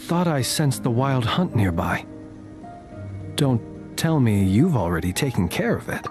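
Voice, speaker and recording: A man voicing a courteous, enigmatic gentleman watchman in a video game, formal and wry. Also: mid-range voice, big pitch swings, measured pace. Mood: probing. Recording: music under the voice.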